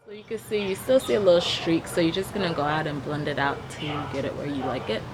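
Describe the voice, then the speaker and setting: A woman's voice: deep voice, fairly even intonation, fast talker, a crowd in the background. A young woman chatting casually to camera, explaining a tutorial step by step as she works. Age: young adult. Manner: chatty, explains step by step while applying makeup. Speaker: beauty vlogger giving a makeup tutorial. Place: backyard outdoors, leafy garden. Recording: noisy outdoor ambience, traffic hum. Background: outdoor ambient noise.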